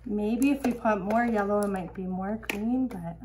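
A woman's voice: medium pitch, moderate pace, noisy background. A woman demonstrating a craft in a kids show style, talking directly to young viewers and explaining each step simply. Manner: talks directly to young viewers, counting aloud. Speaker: children's craft activity presenter.

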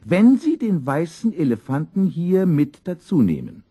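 A man reading a storybook aloud and voicing a hasty woman shopkeeper in a high, hurried falsetto. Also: wildly swooping pitch, warm tone, husky, dry recording, clean studio sound, full character voice.

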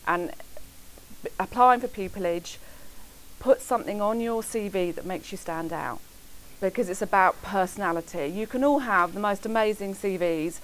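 A middle-aged woman barrister giving frank, animated career advice on a panel in a seminar room. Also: medium pitch, moderate pace, low-quality recording. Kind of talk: panel talk to students.

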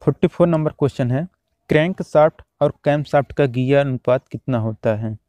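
A man teaching, reading out quiz questions and their options one by one, then repeating each answer in a steady drill. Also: medium pitch, a little fast, dry recording. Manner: steady, repetitive exam-drill delivery.

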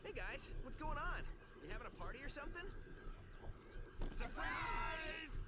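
A man's voice: extremely high pitch, sing-song, measured pace, a loud crowd, very noisy, exaggerated voice. A man voicing a cocky, upbeat young male hedgehog hero in a video game cutscene, talking in a breezy, playful way. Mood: cheerful. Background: loud game music.

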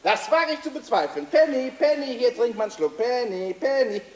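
A man's voice: extremely high pitch, animated, moderate pace. A man playing a flustered, exasperated officer posing as a vicar in a stage farce, recorded from far off on an echoey stage. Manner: fussy and exasperated, shouting at times. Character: flustered man caught in a farce, hiding his uniform. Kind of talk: stage comedy performance. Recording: echoey stage from far off, noisy, audience laughter.

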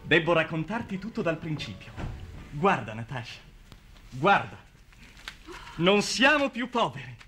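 Naive excitable young man. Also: on the high side, a little slow, pauses often, faint music behind, exaggerated voice. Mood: excited. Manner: excited, chatty. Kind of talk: 1950s television drama acting. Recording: hissy old 1950s TV recording.

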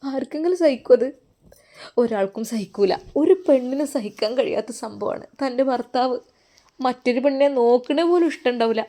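A man's voice: extremely high pitch, fairly quick. A woman voicing a choked, grieving Malappuram father. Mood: tearful. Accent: Malappuram Malayalam. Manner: choked, pleading, quiet. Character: grieving middle-aged father, anxious, tearful.

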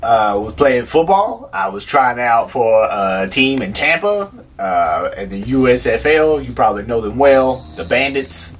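A man's voice: mid-range voice, sing-song, unhurried, hardly any pauses, far from the mic, slight background noise. A man playing a cranky, foul-mouthed blind homeless man in an improvised comedy sketch, grumbling and repeating himself. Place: outdoors by a shack.

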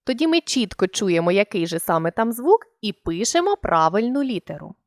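A woman's voice: medium pitch, very animated, no room sound. Woman reading a grammar lesson, voice bouncing up and down a lot, very dry close sound. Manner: slow, deliberate enunciation of example words. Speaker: language teacher narrating a mini-lesson. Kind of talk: scripted lesson narration.

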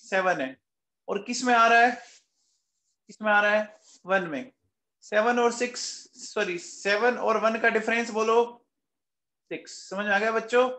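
A man with a fairly high voice teaches a chemistry class at an unhurried pace. He keeps asking his students questions and answering them himself, calling them kids with affection. The sound is roomy and echoey. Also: bright, forceful tone. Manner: calls students "beta" and "bachche" affectionately. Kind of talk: classroom lecture.

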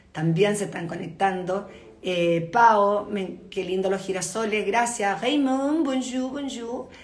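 A woman hosting a live online show, chatting casually and greeting viewers by name from an open-plan home beside a kitchen. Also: medium pitch. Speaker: host. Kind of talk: casual live-stream chat. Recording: echoey room.

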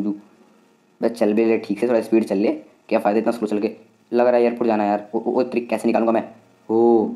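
A man with an Indian accent giving excitable, chatty commentary while playing a driving game, talking to the game and to viewers. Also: lowish voice. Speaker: gaming channel host.

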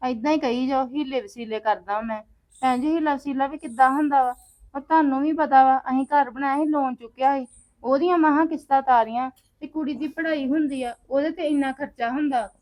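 A woman's voice: high voice, steady tone, brisk, darkish tone. A woman acting a defensive wife in a family drama. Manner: defensive, explaining.

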